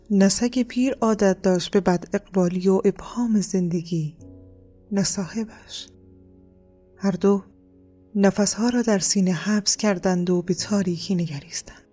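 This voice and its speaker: Breathy woman reading an audiobook. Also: mid-range voice, fairly even intonation, dark tone, soft background music. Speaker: audiobook narrator. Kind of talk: audiobook narration.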